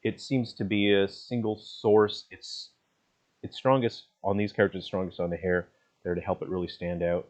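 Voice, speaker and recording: A man, a game artist, giving relaxed, playful commentary on character design, slipping into mock-teacher asides and chuckling at his own jokes. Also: deep voice, normal speed. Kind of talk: casual video commentary.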